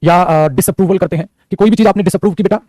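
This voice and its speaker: A male teacher, giving an online English vocabulary class; he talks rapidly, repeats phrases and keeps calling his students "beta". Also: sits high, dark tone, no echo.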